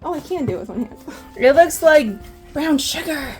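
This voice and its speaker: A woman's voice: sits high, expressive, normal speed, a little mellow, faint music behind. A woman hosting a casual cooking vlog, teasing and giggling a lot. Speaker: vlog host.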